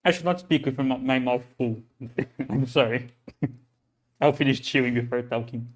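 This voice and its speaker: A man's voice: medium pitch, steady tone, unhurried. A man streaming a game, chatting casually and reading the story aloud, rambling and correcting himself, speaking into a phone held close. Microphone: phone held close to the mouth.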